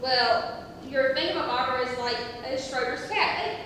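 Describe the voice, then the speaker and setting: On an amateur comedy stage, a woman plays a giggly character who slowly tells a rambling joke, earnestly explaining it in a halting way. Her voice is high-pitched with a fairly bright tone. The sound is picked up from a distance in an echoey theatre hall with faint noise.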